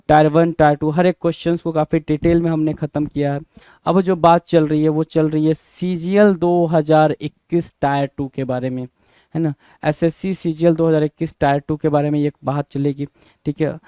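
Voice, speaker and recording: A man's voice: a little high, mellow, smooth, no room sound. Man teaching vocabulary, spelling words aloud. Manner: repeats words, spells them out letter by letter, asks and answers himself; informal, addresses students as brother. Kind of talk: exam-prep lesson, call and response.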